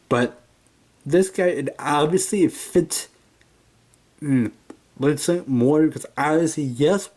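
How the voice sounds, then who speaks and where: A man's voice: medium pitch, darkish tone. A man giving a casual, unscripted toy review at a table at home, talking in a loose, rambling way and often correcting himself mid-sentence.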